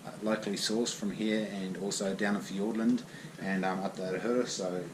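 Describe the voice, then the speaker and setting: A man's voice: on the low side, fairly even intonation, brisk. A man with a broad New Zealand accent chatting casually to his vlog in a blokey, slangy way. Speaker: vlogger. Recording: noisy outdoor vlog audio, traffic and ambience.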